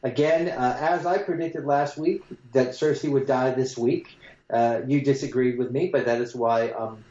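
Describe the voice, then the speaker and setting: A man's voice: medium pitch, fairly even intonation, normal speed, warm tone. A man co-hosting a podcast in casual chat, hesitant with many fillers, his voice hollow and echoing as if he talks from inside a hole. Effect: hollow echo, sounds like talking from inside a hole. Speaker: podcast co-host. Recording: echoey, muffled remote line.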